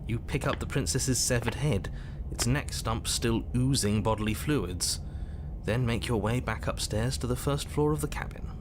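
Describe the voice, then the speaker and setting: A man's voice: mid-range voice, normal speed, background noise, close to an everyday voice. An actor playing a fussy, exasperated male narrator in a game, speaking formally and theatrically. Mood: grim narrating. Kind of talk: dramatic second-person game narration.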